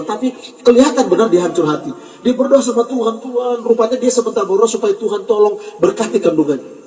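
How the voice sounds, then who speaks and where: A male pastor preaching a sermon, animated and joking, often slipping into mock prayers. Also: sits high. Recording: echoey hall from far off.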